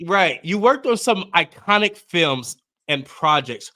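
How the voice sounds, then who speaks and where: A man hosting a live interview show, excitable and playful, often laughing and reacting loudly. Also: high voice, a little slow. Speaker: host.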